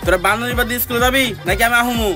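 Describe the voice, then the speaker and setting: A bossy, short-tempered mother, played by a man in a comic skit, nagging her sons. The voice sits high and races along at a breakneck clip. Music plays underneath. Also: fairly even intonation. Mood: scolding. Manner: bossy, threatening, fast nagging. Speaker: actor in a comedy skit.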